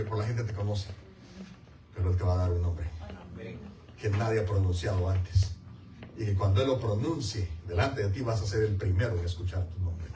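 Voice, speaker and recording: A man's voice: fairly low pitch, noisy background. A man preaching a sermon as pastor, emphatic and repeating key words while calling on the congregation to answer. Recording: echoey room, mic far off.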